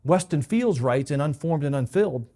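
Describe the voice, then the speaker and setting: A man, a pastor, giving a scripted Bible teaching to camera, explaining clearly with emphatic stresses. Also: fairly high pitch, expressive, moderate pace, dark tone.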